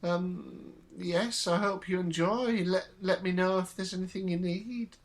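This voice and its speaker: A man's voice: high voice, steady tone, a little slow, background noise, pitched above the performer's own voice. A man voicing a very old, frail, homely woman innkeeper with a hesitant, meekly polite manner in a tabletop game. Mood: homely, obliging. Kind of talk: tabletop game role-play.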